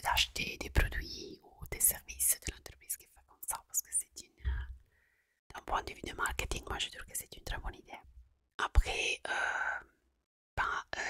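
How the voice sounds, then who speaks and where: A woman's voice: bright, forceful tone, dry recording. Whispering woman with an Italian accent. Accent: Italian accent in French. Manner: hesitant, searching for words in French. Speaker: ASMR creator. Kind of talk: whispered ASMR chat. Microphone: close microphone. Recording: close, dry whisper recording.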